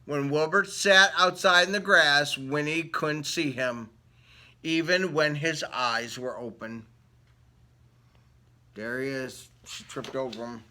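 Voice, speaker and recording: A man whose voice is on the high side, slow and sharp-toned, with fairly even intonation, reads a picture book aloud to children. His read-aloud is playful and animated, with asides in which he poses questions to his young audience.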